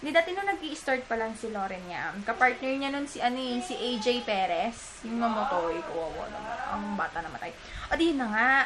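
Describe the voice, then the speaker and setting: A young woman from the Philippines, a mom vlogger telling a story in a chatty, giggly, rambling way, recorded on a camera mic at home. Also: fairly high pitch. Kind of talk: casual storytelling vlog. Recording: noisy room ambience.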